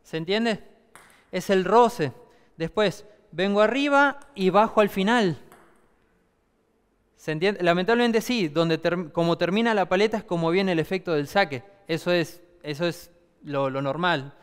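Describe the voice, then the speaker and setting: A man's voice: sits high, a little slow, clear, resonant tone, long reverb tail. A man with an Argentine accent teaching a table tennis clinic, explaining with many rhetorical questions. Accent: Argentine Spanish. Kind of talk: demonstration class.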